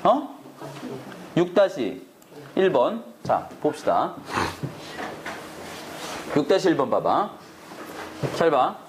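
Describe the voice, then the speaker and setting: A man's voice: fairly high pitch, sing-song, slow pace, pauses often, background noise. A man teaching math to a classroom, brash and teasing, swearing at students in a casual way. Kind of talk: classroom lecture.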